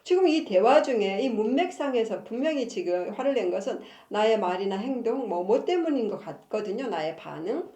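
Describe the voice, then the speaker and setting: A woman's voice: a little high, expressive, normal speed, few pauses, dark tone. A woman who hosts a family-counseling channel, chatting casually about marriage and reading from her own book, laughing often between sentences. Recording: echoey room.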